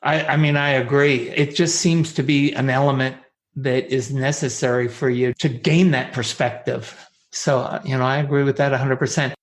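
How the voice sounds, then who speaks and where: A man's voice: medium pitch, flat delivery, moderate pace. A man hosting a podcast interview, agreeable and a bit hesitant, with fillers. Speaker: podcast host. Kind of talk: casual interview.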